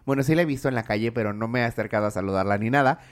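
A Mexican man tells a story on a podcast in a loose, dramatic way, full of slang and swearing. His voice sits at a middling pitch for a man, and he throws himself into every turn of the telling. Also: racing. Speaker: podcast co-host. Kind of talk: casual chat, storytelling.

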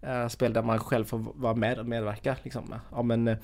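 A woman's voice: rumbling low, little pitch movement, darkish tone. A woman in her twenties chatting casually as a podcast co-host, telling stories with lots of fillers and laughs. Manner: chatty storyteller, laughs often, many fillers. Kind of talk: casual chat.

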